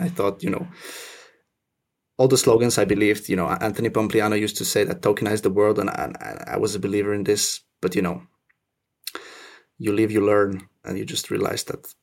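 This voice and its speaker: Low gravelly-voiced young man. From Russia, raised in Finland. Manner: relaxed, self-deprecating, many restarts. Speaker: podcast guest. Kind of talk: casual interview chat.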